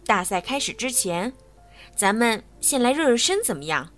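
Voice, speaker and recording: A woman's voice: a little high, very animated, moderate pace, faint music behind. A woman voicing a confident young race car. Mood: determined. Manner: quietly determined.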